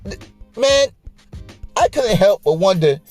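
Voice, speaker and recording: Faint music plays behind a man in his late twenties whose voice sits high, very animated yet slow, with a darkish tone. Hosting a casual motivational podcast, he talks colloquially to listeners and repeats phrases for emphasis.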